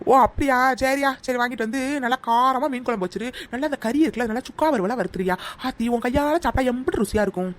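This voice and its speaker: Give me a vain, chatty young village wife in a cartoon, voiced by a woman, a bit high and very quick. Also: natural voice. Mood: boastful. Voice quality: loud, scolding village banter. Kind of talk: cartoon voice acting.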